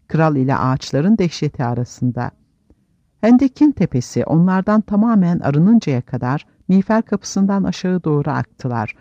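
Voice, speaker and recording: A man's voice: a little high, warm tone, no echo, highs cut off. A man narrating a fantasy audiobook with a dramatic storytelling delivery.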